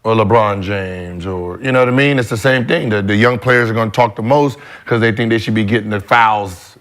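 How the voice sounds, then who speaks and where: A man's voice: on the low side, brisk, fairly bright tone. A man co-hosting a sports podcast, talking in loose, joking, trash-talking banter. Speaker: podcast co-host. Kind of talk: casual sports chat.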